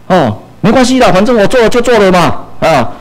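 A man's voice: high-pitched, very animated, a little fast, voice pushed up, poor audio. A man voicing a defiant male church member brushing off his wrongdoing. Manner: dismissive, sing-song repeating.

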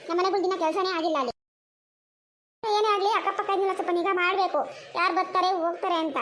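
A woman's voice: very high-pitched, fairly even intonation, fast, a bit bright. A woman voicing defensive village neighbour women in a cartoon comedy, arguing back. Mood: bickering.

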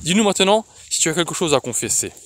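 A man voicing a scheming, cruel male wizard who presides over an execution, speaking in a loud, commanding, pompous way. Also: on the high side, sing-song, quick pace, slight background noise, voice pushed up. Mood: mock kindly.

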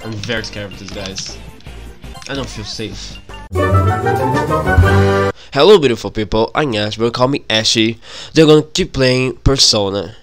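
With soft music playing, a young man records game commentary in a small home room using a handheld microphone, reading dialogue aloud and joking at his own expense. He speaks in a lowish voice at an unhurried pace, leaving long pauses.

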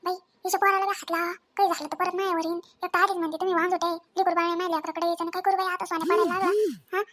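A woman's voice: extremely high pitch, little pitch movement, racing, fairly bright tone. A woman doing a fretful childless young wife. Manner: fretful, mutters to herself. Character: anxious childless young wife, worried and put-upon. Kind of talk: family drama voice acting.

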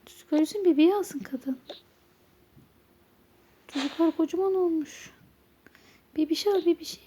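High-voiced woman with a mellow tone, coaxing. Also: normal speed, slight background noise. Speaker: mother playing a game with her child on a channel. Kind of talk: casual play-along chat.

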